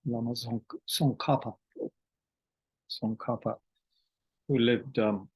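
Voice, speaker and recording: Halting man giving a dharma talk. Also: medium pitch, fairly even intonation, low-quality recording. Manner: halting, many fillers and restarts, clears throat often. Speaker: Buddhist meditation teacher. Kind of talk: dharma talk, reading questions from chat.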